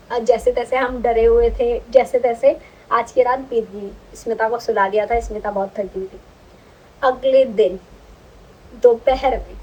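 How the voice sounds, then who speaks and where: A young woman vlogger telling a personal story in an animated, chatty way, often checking in with the listener. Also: fairly high pitch, a little hiss or hum, low-quality recording. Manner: animated, chatty, frequent "ठीक है" check-ins. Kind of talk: casual storytelling.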